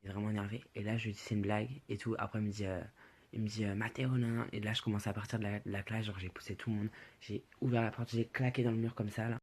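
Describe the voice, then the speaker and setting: A man's voice: on the low side, flat delivery, very fast, husky. A teenage boy casually telling rambling school stories to his social media followers, full of fillers and asides.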